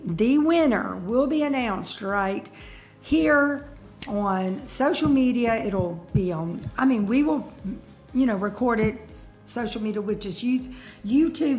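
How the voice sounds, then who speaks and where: A middle-aged woman, co-hosting a casual live chat and telling stories with emphatic energy. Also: a little high. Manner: animated storyteller, emphatic. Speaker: co-host of a breeder's live chat.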